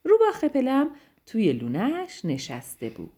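A woman telling a bedtime story to children in a gentle, affectionate way. Her voice is warm and mellow, with lively, sing-song rises and falls of pitch that bring the tale to life. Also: breathy edge.

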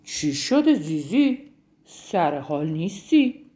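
A gentle, fatherly rhinoceros giving calm advice, read by a woman in a storybook voice. His lines move up and down lively and sound mellow and soft-edged. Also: low-pitched. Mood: concerned. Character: kind male rhinoceros, gentle adviser.

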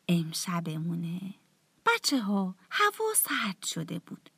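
A woman telling a bedtime story to children in a soft, often half-whispered, tender voice. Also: on the low side, breathy edge, no room sound.

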